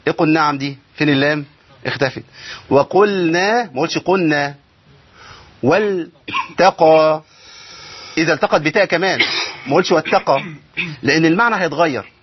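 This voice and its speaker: Teaching tajweed at a brisk pace, an Egyptian-accented man explains Quran recitation rules, asking questions and then supplying the answers. His husky voice sits on the high side, and the slightly dull, lo-fi recording has no room sound.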